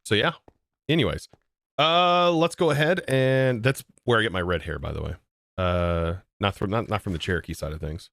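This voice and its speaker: A man's voice: lowish voice, moderate pace, vocal fry, fairly bright tone, dry recording. An American man streaming a game, chatting casually and answering his chat in disbelief. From United States. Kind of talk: casual livestream chat while gaming.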